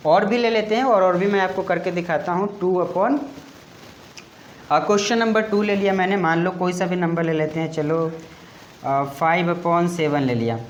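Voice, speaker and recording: A man explains a maths lesson step by step, often pausing on "ok" and going back over each point. He speaks casually and directly to his students. The room is echoey, with a faint hum of ambient noise behind him. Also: on the high side. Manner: explains patiently, repeats points, keeps checking with "ok". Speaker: maths teacher.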